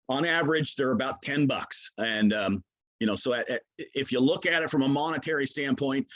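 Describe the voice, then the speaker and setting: A man with a mid-pitched voice gives a casual product explanation as an expert maker. His delivery is folksy and explanatory, often circling back with small hesitant phrases. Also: fairly bright tone.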